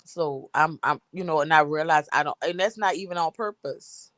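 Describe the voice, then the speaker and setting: A woman's voice: sits low, normal speed, a bit bright, no echo. A woman in her forties, chatting casually on a live stream, rambling and repeating herself with frequent laughs. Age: 40s. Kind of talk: casual chat.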